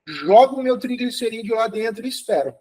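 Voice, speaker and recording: A man's voice: very high-pitched, animated, a little fast, dark tone, poor audio. A man teaching an online chemistry review live, upbeat and encouraging, checking often that students follow. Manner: calls out to students by name, checks understanding often.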